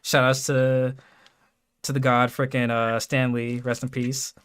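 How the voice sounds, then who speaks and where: A man from New York co-hosting a casual podcast chat, animated and quick to laugh. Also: mid-range voice, clean tone. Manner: animated, excitable, laughs a lot. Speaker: podcast co-host.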